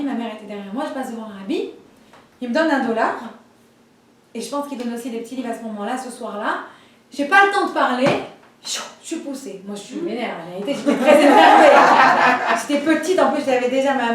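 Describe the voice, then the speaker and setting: A woman teaching a religious class, telling stories in a lively way and acting out the voices of the people in them. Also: a little high, slight background noise. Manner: lively storytelling, acts out voices. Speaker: Torah teacher. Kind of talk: storytelling class. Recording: echoey room, voice from far off.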